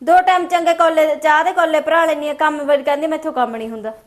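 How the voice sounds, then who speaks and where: A woman playing a nagging daughter-in-law in a family drama, scolding in a sharp-tongued way. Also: high-pitched, fairly even intonation, fast. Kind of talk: amateur family drama acting.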